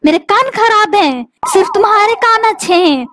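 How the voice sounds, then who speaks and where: A woman's voice: extremely high pitch, lively intonation, moderate pace, fairly bright tone. A woman voicing a dramatic, quarrelsome cartoon wife who whines and trades insults, with music behind. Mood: sarcastic. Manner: whiny, complaining, insulting. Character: dramatic complaining wife, middle-aged, quarrelsome. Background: background music.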